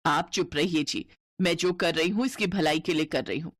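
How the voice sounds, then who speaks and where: A woman's voice: on the low side, normal speed, no echo, clean studio sound, close to an everyday voice. A woman voicing a harsh, cruel stepmother in a cartoon story, scolding in a bossy way.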